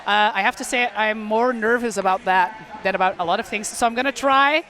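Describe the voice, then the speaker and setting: Here a roller derby play-by-play commentator from Belgium, a native Dutch speaker, gives live sports commentary in a mid-range voice that's a little fast and sharp in tone. He chats freely, pokes fun at himself, and laughs a lot.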